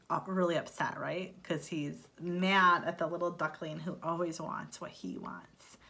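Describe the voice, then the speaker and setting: Slow-talking woman teaching young kids. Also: fairly low pitch, sharp tone. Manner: slow, patient, sounding out letters. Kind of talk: early-grades writing lesson. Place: at home, filming with a phone.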